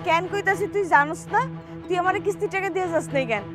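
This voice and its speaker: An actress playing a tearful, accusing village wife. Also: female voice, very high-pitched, fast talker, music in the background.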